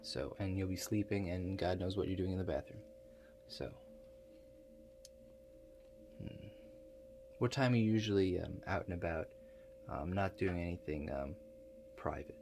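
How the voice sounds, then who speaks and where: This low-voiced man, in character for an ASMR roleplay, portrays a clumsy inventor working a device that shows the future. He talks gently and haltingly with vocal fry, trailing into mumbled, low-key asides and long pauses, sounding absorbed and tentative. A light background noise sits under his voice.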